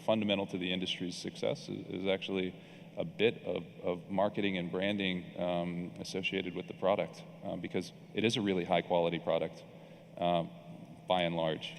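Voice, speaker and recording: Panelist: man, very deep and flat, halting, in a reverberant hall with faint noise. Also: gravelly. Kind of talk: panel discussion.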